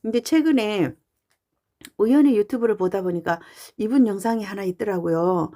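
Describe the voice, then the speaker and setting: Woman vlogger, mid-pitched and mellow, chatty and earnest monologue with frequent "uh" pauses. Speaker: fan channel YouTuber. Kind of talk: casual talking-head monologue.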